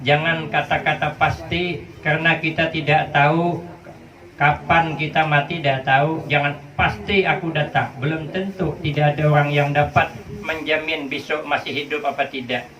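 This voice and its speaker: A man's voice: on the high side, fairly even intonation, moderate pace, a bit bright. A man in his fifties with a Banjar Malay accent, giving a humorous sermon, telling stories in playful dialogue and chanting Arabic phrases. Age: 50s. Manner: storytelling with playful dialogue and sing-song Arabic recitation. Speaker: preacher. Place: hall with a live audience. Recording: echoey, distant, muffled crowd hall recording.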